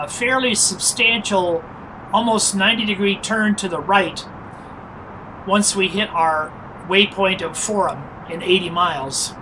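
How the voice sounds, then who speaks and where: A flight simulator streamer giving casual, explanatory live commentary while thinking aloud. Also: medium pitch. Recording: noisy, steady engine-like background hum.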